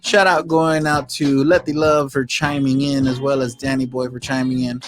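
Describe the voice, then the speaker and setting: A man hosting an online radio show, talking casually in chummy street slang and giving shout-outs. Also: mid-range voice, level tone, normal speed. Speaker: show host.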